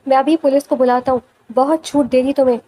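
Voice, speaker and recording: A woman's voice: sits high, steady tone, dark tone, poor audio. A woman reading the part of an angry, commanding young father in a storybook romance. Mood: furious. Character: furious protective young father.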